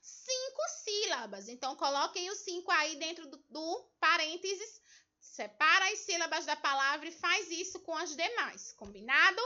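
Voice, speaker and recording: Brief: very high, sharp-toned woman teacher, patient and child-directed, muffled lo-fi sound. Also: lively intonation. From Brazil. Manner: slow, patient, spells out syllables for children. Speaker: primary school teacher. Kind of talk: remote homework lesson walkthrough. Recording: dull lo-fi recording.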